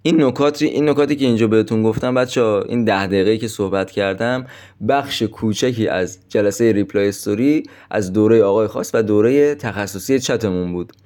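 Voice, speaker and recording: A man with a fairly low voice runs through numbered dating tips like a coach. He talks directly and casually to his listeners, as if to friends. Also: a little mellow. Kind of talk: instructional monologue with numbered tips.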